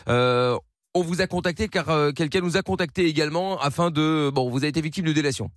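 A man runs a radio prank call, playing a courteous toll official who hesitates and fills every pause. He talks quickly in a slightly raised voice. The sound is dry and close to the microphone. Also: fairly high pitch, no echo. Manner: hesitant, falsely polite, many fillers. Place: radio studio.

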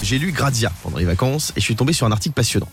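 A man hosting a radio morning show, teasing his co-hosts in quick banter. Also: medium pitch, lively intonation, loud music behind the voice.

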